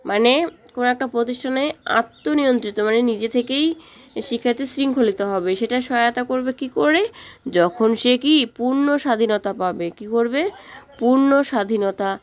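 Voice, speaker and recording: A woman teacher, reading exam questions and options aloud, then explaining each answer and often checking in with the students. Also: a little high. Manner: reads questions then explains answers, repeats "ঠিক আছে?". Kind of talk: exam practice lesson.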